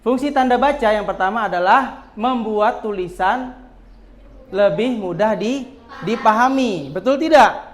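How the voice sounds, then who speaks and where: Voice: mid-range voice, animated, unhurried. A teacher giving a classroom lesson to children, often stopping to quiz the pupils and adding a questioning "ya". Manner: quizzes pupils often, with frequent tag "ya".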